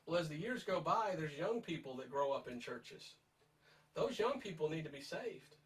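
A man's voice: fairly high pitch, very animated, moderate pace, fairly bright tone, recorded from a distance, poor audio. A man teaching a verse-by-verse Bible study in an emphatic, urging way, putting direct questions to his listeners.

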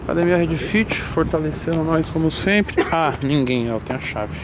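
Loud hyped São gym vlogger. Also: male voice, a little high, expressive, normal speed, very noisy. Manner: loud hyped slangy, calls everyone pai. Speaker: vlogger host. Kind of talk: casual gym vlog. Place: gym at night.

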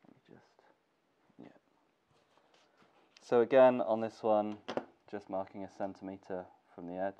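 A congested young man, down with a cold, speaks on the low side and a little slowly while casually explaining sewing in his workshop. He's a gear maker who teaches, relaxed and full of fillers as he thinks aloud. Expect dull lo-fi camera audio with faint noise.

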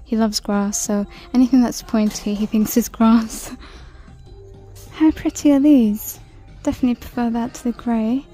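A woman chatting through a shopping walk-through in a large store, reading out prices and sometimes dropping to a soft whisper, filmed on a handheld phone. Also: fairly high pitch, fairly even intonation, unhurried, faint music behind. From United Kingdom. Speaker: shopping vlogger. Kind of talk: casual shop-with-me commentary. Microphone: handheld phone camera.

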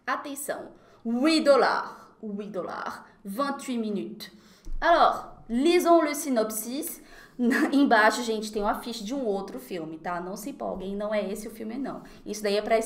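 A Brazilian woman from Recife teaching French in a lively, chatty live lesson, laughing often and slowing down to pronounce French words carefully. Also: a little high, echoey room. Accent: Brazilian Portuguese.

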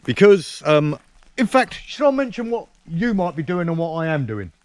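Speaking in a fairly high, sing-song voice at normal speed, an English camping vlogger chats casually to a close tripod-mounted camera in a woodland camp. He teases a friend cheekily and pokes dry fun at himself, with dry audio and no room echo.

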